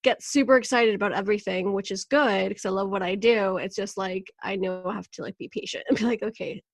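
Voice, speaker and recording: A woman's voice: medium pitch, a little fast, no room sound. Candid woman from Venezuela, dry sound. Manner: candid, animated, laughs often. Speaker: podcast guest, wellness coach. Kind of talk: casual interview talk.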